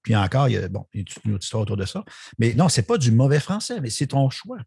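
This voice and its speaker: Fast, gravelly Québécois man. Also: mid-range voice, sing-song, darkish tone, no room sound, studio quality. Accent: Québécois French. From Quebec. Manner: explanatory, teacherly, quick. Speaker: guest, language expert. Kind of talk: casual podcast interview.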